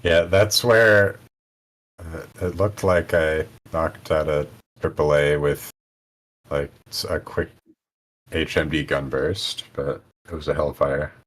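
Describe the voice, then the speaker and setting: A man's voice: rumbling low, fairly even intonation, takes it slowly, fairly bright tone, low-quality recording. A man playing in a group game, making dry, wry remarks over voice chat. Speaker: player. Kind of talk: casual voice-chat talk.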